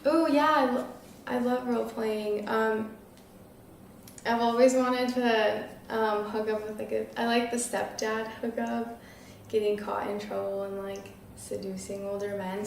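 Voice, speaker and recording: A woman's voice: a little high, vocal fry, darkish tone, recorded from a distance, slight background noise. A nineteen-year-old woman answering interview questions casually, giggling and using lots of "like" fillers. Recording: very echoey room, voice off-mic.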